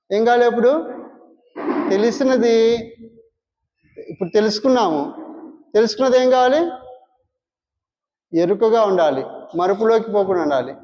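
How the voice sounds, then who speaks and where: A man with a Rayalaseema Telugu accent gives a devotional discourse as a spiritual teacher, asking his listeners questions and answering them himself. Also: high-pitched. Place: prayer hall. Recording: muffled recording with long hall reverb.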